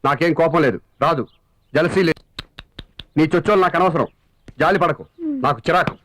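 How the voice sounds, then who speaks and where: An actor playing a blustering young lawyer husband who threatens and boasts, in film dialogue. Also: male voice, a little high, a little fast, fairly bright tone, no echo, lightly acted. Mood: huffy.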